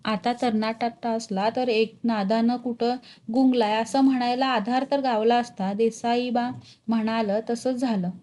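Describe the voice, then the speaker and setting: A woman's voice: a little high, steady tone, measured pace, mellow. A woman reading a short story aloud, narrating expressively and putting village dialect into the telling.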